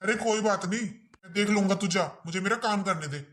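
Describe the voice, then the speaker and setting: A woman's voice: mid-range voice, a little fast, a bit bright, a little hiss or hum, natural voice. A woman playing a boastful, idle young husband. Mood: dismissive. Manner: dismissive, boastful. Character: lazy young husband, sure of phone winnings. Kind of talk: family drama skit.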